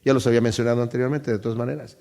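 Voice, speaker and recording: A man preaching a Bible-study sermon, speaking emphatically to his congregation and slowing down to read scripture aloud. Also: medium pitch, steady tone, creaky, dark tone. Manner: addresses the congregation directly.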